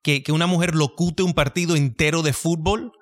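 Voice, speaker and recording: A man interviewing a guest, asking probing questions with halting restarts. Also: fairly high pitch.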